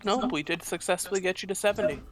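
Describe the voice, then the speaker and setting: Jokey guy at the game table, slightly high voice, chatter behind. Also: fast talker. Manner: playful, jokey. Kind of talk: casual game chat.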